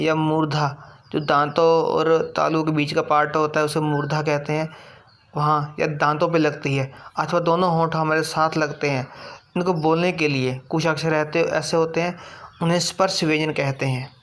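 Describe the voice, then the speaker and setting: A man teaching a grammar lesson, explaining slowly and deliberately, repeating each point and drawing out sounds as examples. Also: a little high, flat delivery, a bit bright.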